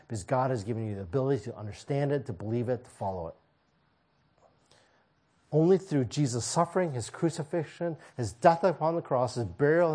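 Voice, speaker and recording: A man's voice: mid-range voice, warm tone. A man preaching a sermon to his congregation in a church, pleading and emphatic, driving points home with repeated phrases. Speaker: pastor.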